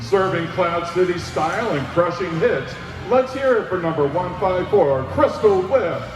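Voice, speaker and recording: A man announcing roller derby player introductions in a pumped-up, booming style over a venue PA. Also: expressive, measured pace. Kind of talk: hyped scripted player introductions over arena PA. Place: large indoor sports venue. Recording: echoey PA heard far off, music. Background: clear music.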